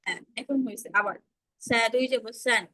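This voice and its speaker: A woman's voice: on the high side, moderate pace, sharp tone. A woman teaching Arabic letter pronunciation in an online class over a video call, patiently repeating sounds for students to echo. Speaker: Quran recitation teacher.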